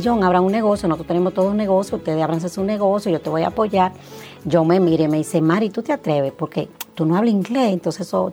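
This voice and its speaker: A middle-aged woman with a Dominican Spanish accent talks through her story in a relaxed interview. She is animated and acts out old conversations, with plenty of fillers. Faint music runs underneath her voice. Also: medium pitch, husky. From Dominican Republic. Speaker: interview guest, insurance agency owner.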